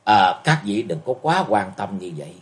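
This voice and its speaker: A man voicing a calm, resolute young swordsman, speaking firmly and reassuringly. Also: fairly low pitch, normal speed. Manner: calm, firm, gently reassuring.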